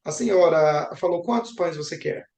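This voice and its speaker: Interviewed about travel, a young Brazilian geography professor answers conversationally and tells stories, talkative and reflective, often tacking on little tag questions. His voice is on the high side and darkish, at a normal speed, in a roomy, echoing recording.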